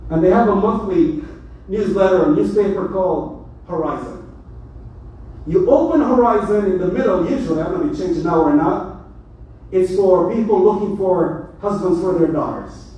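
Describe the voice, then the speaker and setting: A man preaching as an imam in a mosque, animated and joking as he speaks. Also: high-pitched, normal speed, highs cut off. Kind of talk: mosque sermon. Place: mosque hall. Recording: echoey hall, mic from far.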